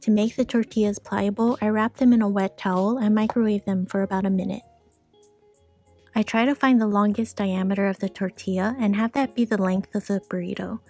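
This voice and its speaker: A woman giving calm, matter-of-fact voice-over instructions for a home cooking video, explaining each step plainly. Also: mid-range voice, fairly quick, soft background music. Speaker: frugal cooking vlogger.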